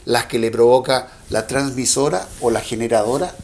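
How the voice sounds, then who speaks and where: A man's voice: medium pitch, normal speed, darkish tone. A man, an electricity regulator official, explaining technical matters in an interview with fillers and self-corrections.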